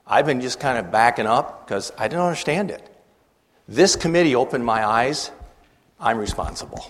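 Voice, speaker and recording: An older man speaking earnestly to a church meeting, halting and repeating words as he asks the audience questions. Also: medium pitch. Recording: long reverb of a hall.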